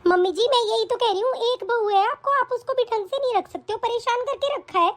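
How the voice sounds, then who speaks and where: A woman's voice: very high-pitched, fairly quick. Woman voicing a whiny spoiled young wife. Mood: defiant. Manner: whiny, complaining, defiant. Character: spoiled quarrelsome young married daughter. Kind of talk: animated story voice acting.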